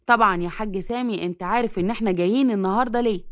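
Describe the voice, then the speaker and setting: A woman voicing a calm, dignified middle-aged man with an Egyptian accent who speaks in a measured way. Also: medium pitch, lightly acted.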